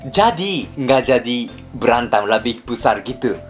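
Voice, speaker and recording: A man's voice: medium pitch, big pitch swings, a little slow, soft background music. A young man from Kansai in Japan with a Japanese accent, chatting playfully to camera and slipping in Japanese particles. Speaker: vlogger. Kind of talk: casual chat to camera.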